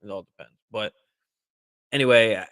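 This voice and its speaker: A man hosting a live fantasy football stream, answering viewer questions in a relaxed, casual way, swearing freely and using lots of fillers and restarts. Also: lowish voice, normal speed. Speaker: fantasy football show host.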